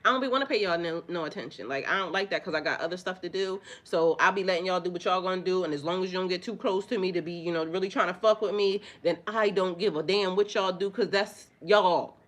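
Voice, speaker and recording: A mother hosting a spiritual reading vlog talks fast in a low-ish voice, barely pausing. She addresses her viewers directly, loud and animated, chatty and profane in her bluntness, and laughs often.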